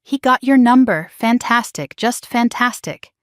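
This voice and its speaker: A woman's voice: medium pitch, normal speed, a bit bright, no room sound, clean studio sound, close to an everyday voice. A woman voicing a tense young man who speaks in short, urgent lines while driving his family to safety. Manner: terse, urgent.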